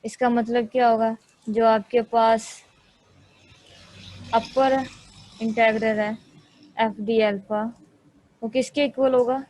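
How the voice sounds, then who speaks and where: Slow, flat-voiced woman math lecturer. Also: fairly high pitch, poor audio. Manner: slow, methodical, thinks aloud while writing.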